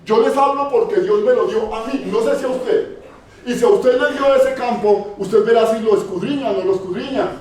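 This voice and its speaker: Male preacher, sermon, emphatic, repeats lines, high voice, booming echo, faint room noise. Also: normal speed, darkish tone. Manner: emphatic, repeats phrases for stress. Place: church hall. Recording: very echoey hall, voice far off.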